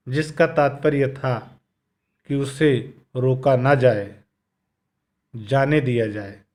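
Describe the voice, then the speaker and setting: A man teaching a recorded grammar lesson, explaining slowly and deliberately, often repeating phrases. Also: fairly high pitch, darkish tone. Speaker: school teacher. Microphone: video lesson recording.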